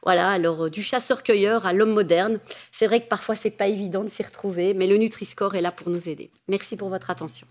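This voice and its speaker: A woman's voice: medium pitch, steady tone, fairly quick. A woman giving an expert seminar presentation, explaining her points with emphatic asides.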